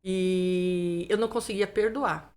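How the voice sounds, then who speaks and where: A woman's voice: mid-range voice, slow. A woman pastor, telling her testimony in a casual interview and acting out the dialogue. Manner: lively storyteller who acts out dialogue, many "né" fillers. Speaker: pastor, guest.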